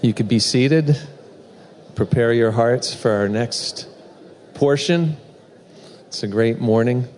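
A man's voice: mid-range voice, slow pace, pauses often, darkish tone. A male church host giving casual announcements and introducing the next speaker, hesitant and full of fillers. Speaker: service host. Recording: echoey hall.

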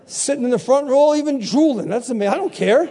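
Delivering a sermon, this older man has a very high, expressive, mellow voice and talks a little fast. He leans on emphatic repetition of key phrases and throws questions to the congregation for them to answer back.

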